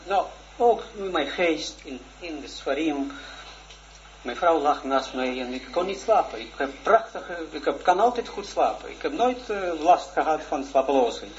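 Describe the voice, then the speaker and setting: Halting, earnest man in his forties. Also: on the high side, animated. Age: 40s. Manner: halting, hesitant, with many restarts; shy and earnest. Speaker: religious teacher. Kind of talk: personal testimony in a religious lesson. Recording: dull lo-fi recording with faint noise.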